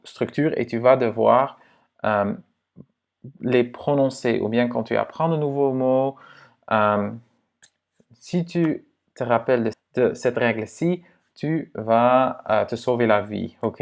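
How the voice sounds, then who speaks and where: Gravelly-voiced man teaching pronunciation. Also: mid-range voice. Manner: relaxed, filler-heavy explaining to the viewer, with frequent "hein" and "ok". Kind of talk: casual explanatory lesson.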